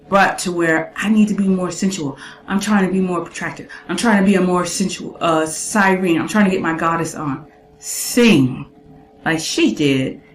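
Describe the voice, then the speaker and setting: A woman's voice: on the low side, echoey room, a little hiss or hum, rough recording. A woman giving casual commentary on a clip, chatty, quizzing the viewer and listing traits.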